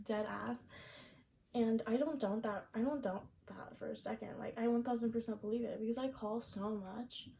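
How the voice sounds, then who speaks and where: A woman's voice: mid-range voice, vocal fry, warm tone, slight background noise, poor audio. A young woman vlogger ranting in a casual, exasperated way, full of slang and swearing. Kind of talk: casual venting rant.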